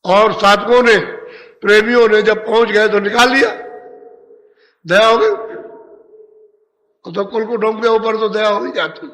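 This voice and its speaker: A high-pitched man preaching a devotional sermon. He scolds and coaxes his listeners with repeated rhetorical calls. His voice trails off into a long, echoing hall reverb. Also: fairly even intonation, measured pace, long pauses, fairly bright tone. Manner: admonishing, rhetorical, repetitive appeals. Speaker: spiritual preacher.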